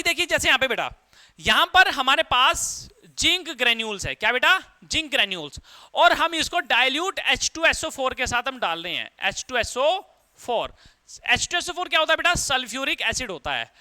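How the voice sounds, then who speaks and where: A man's voice: very high-pitched, pushed and bright, clear, resonant tone. A man teaching a chemistry lesson, who keeps asking his students questions, answers them himself, and addresses them as "beta". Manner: calls the listener "beta" as a teacher does. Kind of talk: classroom lesson explaining lab activities.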